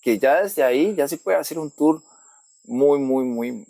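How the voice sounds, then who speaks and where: A man's voice: mid-range voice, lively intonation, measured pace, creaky, dark tone. A man with a Costa Rican accent hosting a casual podcast conversation, often checking for agreement with little tag questions. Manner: frequent "¿verdad?" tags seeking agreement. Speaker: podcast host.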